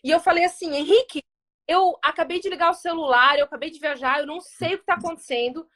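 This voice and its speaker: A woman with a very high, bright voice tells her story with lively energy. She acts out the voices of the people in it. She sounds like a guest in an interview. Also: fast talker. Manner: animated, acts out quoted dialogue.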